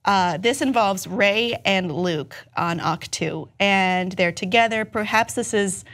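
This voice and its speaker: A woman's voice: mid-range voice, takes it slowly, a bit bright. A woman hosting a casual pop-culture talk show, recapping deleted film scenes conversationally and laughing often. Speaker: host.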